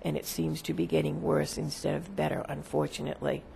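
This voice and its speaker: A seance medium channeling as a spirit, with a creaky voice, answering questions in halting, solemn, formal phrases. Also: mid-range voice, completely flat delivery, warm tone, slight background noise, rough recording.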